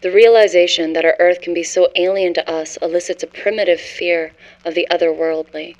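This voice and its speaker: Woman as a haunted scholar telling a horror story, lowish flat voice, grave and bookish. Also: brisk, natural voice, low-quality recording. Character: haunted scholar confessing forbidden cosmic horror discovery. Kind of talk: scripted first-person horror story narration.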